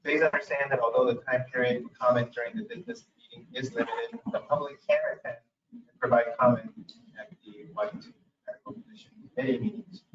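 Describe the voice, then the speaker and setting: A man chairs a formal commission meeting and moves through the agenda with frequent "uh" pauses. His pitch rises and falls a lot. He sounds far from the mic in an echoey room, with a dull tone and faint noise behind him. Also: very animated, crowd noise.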